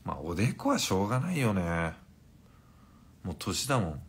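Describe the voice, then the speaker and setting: A man in his forties chatting on a live stream and reading viewer comments, in a languid, drowsy-sounding, unhurried way. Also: low-pitched, sing-song, a little hiss or hum. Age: 40s.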